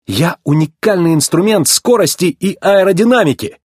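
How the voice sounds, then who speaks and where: A man voicing a brash, impatient young male race car who shouts indignantly. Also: high voice, expressive, moderate pace, breathy edge, no echo, clean studio sound, pitched above the performer's own voice. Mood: whiny.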